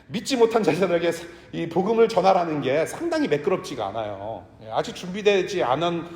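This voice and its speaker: A man preaching a sermon to his congregation in a church, talking in a conversational way and sometimes dropping to a hush. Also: fairly high pitch, sing-song, a little fast. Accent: Korean with English words mixed in. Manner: conversational preaching, drops to a hush for tender lines. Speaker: pastor. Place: church sanctuary. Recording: echoey church hall.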